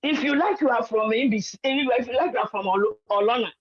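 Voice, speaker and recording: Here an older Nigerian caller with a Nigerian accent argues politics hotly, refusing to yield, saying things again, and speaking over the host. Her voice is on the high side, quick, and a little rough, heard through a muffled lo-fi connection.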